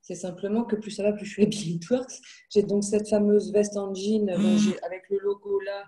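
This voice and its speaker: A woman in her thirties chatting casually, telling lively anecdotes and acting out what people said. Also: mid-range voice, fairly quick. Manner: lively anecdotes, animated quoting. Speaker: network marketing distributor. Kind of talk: casual talk to camera.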